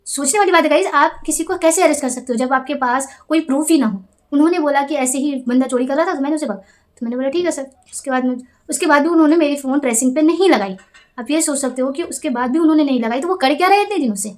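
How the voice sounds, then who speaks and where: A young woman vlogger telling a story casually, with animated, indignant retelling and quoted dialogue. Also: sits high, fast talker. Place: Delhi.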